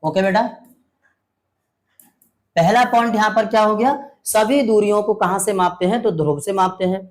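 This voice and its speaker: A male science teacher giving a classroom lecture. He repeats each rule slowly, keeps asking the students quiz-like questions and calls them "beta" and "mere bhai". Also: sits high.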